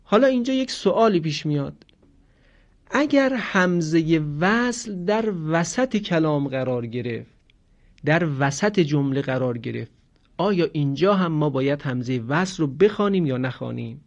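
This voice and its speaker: Man, fairly high voice, patient teacher, explains step by step and spells out sounds, dull lo-fi recording. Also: animated. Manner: slow, explanatory, demonstrates pronunciation. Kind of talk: grammar lesson.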